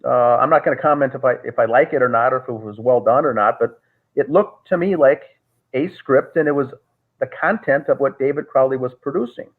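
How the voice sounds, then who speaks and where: The guest, a man speaking fairly quickly in a mid-range voice, is interviewed on a call and tells a long, meandering story. He fills it with "uh" and keeps restarting, and the audio has that tinny phone-call quality.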